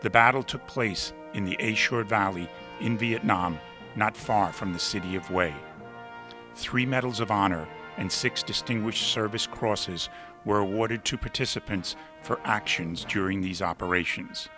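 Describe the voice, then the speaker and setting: A man reading scripted documentary narration in a steady, measured way. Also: on the low side. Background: music.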